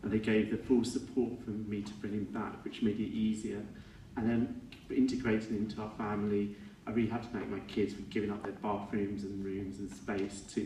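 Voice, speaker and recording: A middle-aged man giving an informal funeral speech as a son, halting and reflective, often correcting himself as he goes. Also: fairly low pitch. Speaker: son giving a eulogy for his father. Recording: echoey room, distant mic, faint noise.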